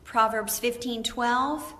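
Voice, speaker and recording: A preacher's wife teaching a Bible lesson in a lively way, acting out the voices she quotes. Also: a little high, takes it slowly.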